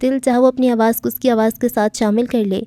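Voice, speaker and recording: A woman narrating a novel as an audiobook, reading smoothly and with expression. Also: on the high side, steady tone, warm tone, no echo.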